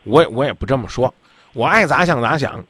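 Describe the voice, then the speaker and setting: Blunt, lively male radio advice host. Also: medium pitch, brisk, husky, no echo. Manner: blunt, insistent, lecturing.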